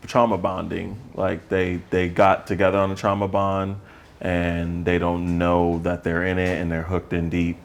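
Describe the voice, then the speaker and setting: A man with a low, unhurried voice, chatting on a relationship podcast. He lays out his thoughts in a relaxed, low-key way, circling back as he talks. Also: vocal fry, slight background noise. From Atlanta, USA. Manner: laid-back, low-key advice giving. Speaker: podcast co-host. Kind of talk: casual chat.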